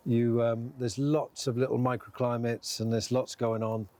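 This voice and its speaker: A man who runs a small farm talks casually about his land. He is relaxed and hesitant and often rambles, in an ordinary mid-pitched voice. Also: normal speed. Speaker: small-scale farmer. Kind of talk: casual interview.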